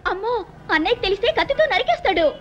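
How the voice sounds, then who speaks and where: Sheltered young sister. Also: female voice, extremely high pitch, lively intonation, a bit bright, a little hiss or hum. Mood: obedient. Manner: quick, obedient replies. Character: sheltered young woman kept indoors by her brother.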